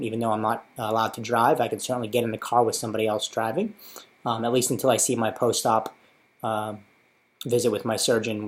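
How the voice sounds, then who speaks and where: A man in his thirties with an American accent, talking casually and matter-of-factly in an informative personal video diary. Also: on the low side. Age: 30s. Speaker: patient sharing his surgery experience.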